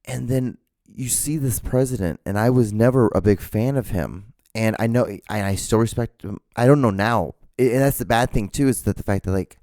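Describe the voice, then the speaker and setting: A man from Honduras hosting a podcast, talking through a casual monologue in an emphatic, halting way, with many restarts and fillers. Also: fairly low pitch, darkish tone, no echo, clean studio sound. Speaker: podcast host.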